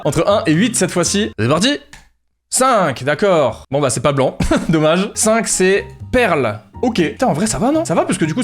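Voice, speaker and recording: A man narrating a casual vlog, excitable, swearing and joking to himself as he goes. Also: fairly high pitch. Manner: fast, excitable, swearing, jokey asides. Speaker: YouTuber.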